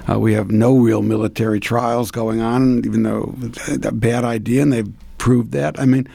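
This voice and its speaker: A man's voice: mid-range voice, steady tone, moderate pace, vocal fry, dark tone, no echo. A male interviewer asking questions hesitantly, searching for his words. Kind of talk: conversational interview.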